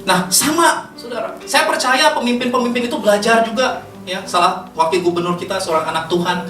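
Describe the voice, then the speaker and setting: A woman's voice: mid-range voice, fairly quick, fairly bright tone. A woman preacher from Indonesia with a Jakarta accent, giving a chatty sermon and laughing often. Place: church hall. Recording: echoey hall, far from mic, faint music.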